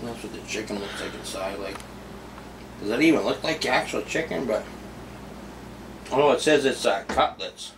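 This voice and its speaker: The speaker is a middle-aged food vlogger whose voice sits on the low side, at normal speed and broken by long pauses. He rambles casually while cooking and tasting in his home kitchen, starting over again and again. A far-off camera mic records him with background noise behind.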